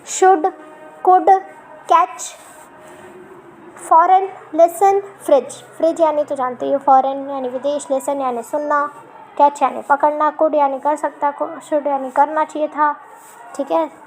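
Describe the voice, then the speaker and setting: A woman teacher explaining English spelling to children, patiently repeating words slowly. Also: high voice, fairly even intonation, a little hiss or hum, poor audio.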